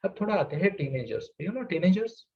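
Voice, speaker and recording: A man's voice: high-pitched, big pitch swings, brisk. A man giving a live parenting seminar to an audience, often checking in with rhetorical questions and asking for shows of hands. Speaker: parenting coach. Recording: distant, dull lo-fi recording.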